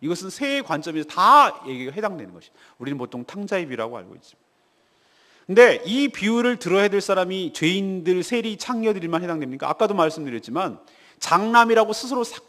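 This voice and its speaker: A male pastor preaches a morning devotional sermon in a fairly high, animated voice. He presses his points with rhetorical questions to the congregation. His voice carries a long reverb from the church hall. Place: church sanctuary.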